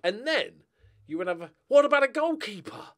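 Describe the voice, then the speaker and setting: Very high-pitched, very animated and fairly quick, this middle-aged British man streams himself playing a football management game. His commentary is casual and jokey, rambling as he thinks aloud and flips between mutters and exclamations.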